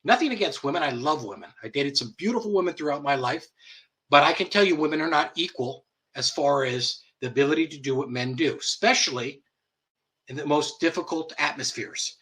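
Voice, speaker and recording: A man's voice: fairly high pitch, lively intonation, a little fast, a bit bright. A man hosting an online commentary show, blunt and profane, chuckling mockingly as he rants. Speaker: host.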